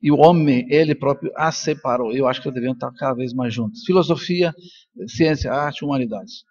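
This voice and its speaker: Speaking at a congress, this older neuroscience professor from Colombia, whose first language is Spanish, mixes personal anecdotes into a relaxed, reflective talk. His pitch sits in the middle and his tone is a bit mellow as he moves along fairly quickly. The audio is dull.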